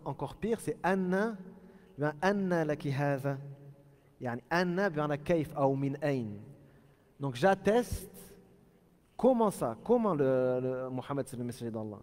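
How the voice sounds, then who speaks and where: Man, religious teacher, mellow voice, long reverberant space, repeats phrases slowly. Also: on the high side. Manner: explains by repeating and demonstrating Arabic phrases slowly. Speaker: Islamic teacher. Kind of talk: religious lesson.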